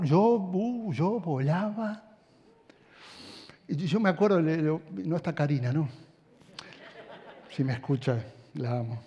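Middle-aged argentine pastor preaching, goes from quiet to shouting, kinda high voice, big echoey hall. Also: male voice, lo-fi sound. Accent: Argentine Spanish. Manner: animated storyteller, swings from hushed to shouting. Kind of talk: sermon. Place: large hall with audience. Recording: long hall reverb.

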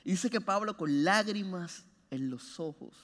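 High-voiced man preaching in a reverberant hall. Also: expressive, unhurried. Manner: impassioned, swings from loud urging to hushed low phrases. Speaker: pastor. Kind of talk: sermon.

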